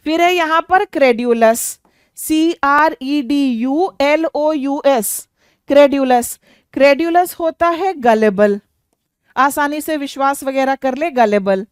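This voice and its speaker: A woman's voice: sits high, dry recording, clean studio sound. A woman with an Indian accent teaching English vocabulary for an exam, explaining meanings and spelling words out letter by letter. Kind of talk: exam-prep lesson.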